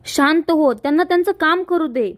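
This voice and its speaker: A woman's voice: sits high, normal speed, dry recording, studio quality, pitched above the performer's own voice, natural voice. A woman voicing a stern, worried family father in a retold serial story. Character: angry worried adult man, family father.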